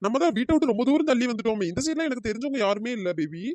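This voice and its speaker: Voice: medium pitch, lively intonation, very fast, darkish tone, no echo, lightly acted. A performer voicing a scared cheating husband in a cartoon, panicky and wailing. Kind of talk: cartoon comedy voice acting.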